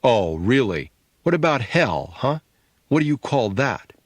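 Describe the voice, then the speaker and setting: A man voicing a sharp-tongued, sarcastic adult sister, needling and scornful, in an audiobook. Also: medium pitch, very animated, a little slow, no room sound.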